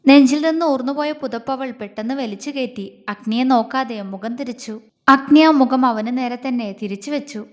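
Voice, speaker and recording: A woman storyteller narrating a romance audio story in a soft, steady, intimate way. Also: high voice, normal speed, big-room sound.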